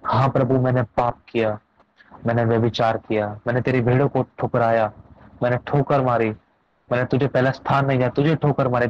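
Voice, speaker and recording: A man's voice: medium pitch, a little mellow, no echo, natural voice. Guy doing a sobbing woman preacher confessing, pleading, lo-fi dry audio. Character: a weeping repentant woman preacher. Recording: dull lo-fi dry recording.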